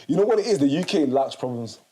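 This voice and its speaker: A man co-hosting a casual discussion, joking around with quick interjections. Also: fairly high pitch, expressive, dark tone, husky. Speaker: podcast co-host.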